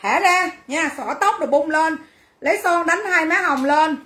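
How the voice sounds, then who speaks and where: A woman's voice: very high-pitched, normal speed, sharp tone, reverberant. A woman selling clothes on a livestream, brash and teasing as she banters with viewers. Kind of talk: livestream sales chat.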